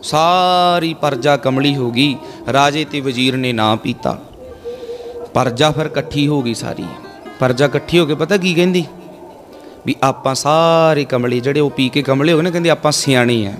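A man's voice: fairly high pitch, moderate pace, faint music behind. A male preacher giving a storytelling sermon to a congregation. He asks them rhetorical questions and leads call-and-response chanting. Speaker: Sikh preacher leading a congregation.

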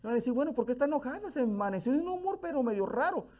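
A man's voice: very high voice, big pitch swings, rapid-fire, warm tone. A middle-aged male minister, giving a folksy, conversational sermon with acted-out bits of dialogue.

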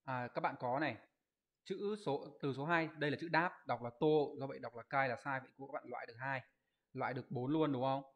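A man's voice: medium pitch, fairly even intonation, highs cut off. Man teaching a Japanese exam review. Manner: explains step by step, asks rhetorical check questions; reads out viewers' comment answers in a quick list. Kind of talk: live online exam-review lesson.

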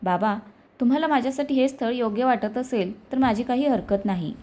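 A woman's voice: a little high, brisk, mellow, close to an everyday voice. A woman reading as a stubborn young bride-to-be. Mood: subdued, irritated.

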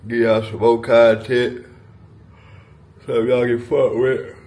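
A man's voice: mid-range voice, level tone, slow pace, darkish tone. A man talking loosely in slang as he vlogs a trip on his phone. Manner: loose, joking, profane slang. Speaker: rapper on tour. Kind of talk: casual vlog banter. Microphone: phone camera at arm's length.

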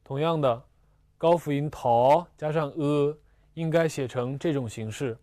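A man teaching a language lesson, slowly explaining spelling and pronunciation with patient repetition and small fillers. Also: a little high, warm tone, no echo, clean studio sound. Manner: slow and patient, repeats syllables twice, fillers like "啊" and "呃". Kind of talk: slow, deliberate classroom explanation.

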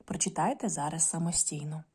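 A woman's voice: sits low, fairly quick, a little mellow, breathy edge. A woman teaching a video lesson to primary school children, patient and instructive, often addressing them directly.

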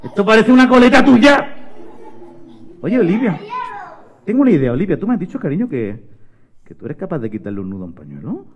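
A man's voice: fairly high pitch, sing-song, fast talker, pauses often, dark tone, breathy edge. A young man, a children's magician and storyteller who coaxes and jokes with a young volunteer. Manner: coaxing, playful, talks to a child volunteer. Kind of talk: live children's show.

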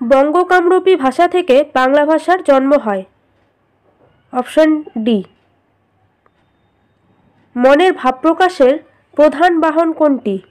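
High-voiced woman reading quiz answers. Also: slow pace, long pauses, a little mellow. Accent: Bengali. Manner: reads each multiple-choice question, lists options, then states the answer. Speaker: exam prep teacher.

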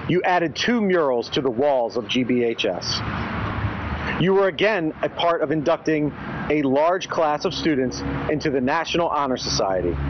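A man in his forties, a high school principal, giving a measured, formal commencement speech outdoors at a podium microphone. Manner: measured, formal address with deliberate pauses. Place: outdoors in front of a brick building. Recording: dull outdoor recording with traffic noise.

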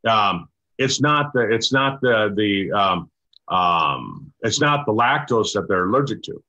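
An older man, a doctor, explaining a product in casual chat over a video call, halting with many restarts and fillers. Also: on the low side, animated, bright, forceful tone. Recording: dull lo-fi video call audio.

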